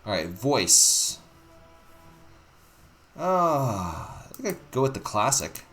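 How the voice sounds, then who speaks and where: A man's voice: medium pitch, big pitch swings, slow, a bit bright. A man hosting a casual game playthrough, thinking aloud in a rambling way over music. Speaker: gaming video host.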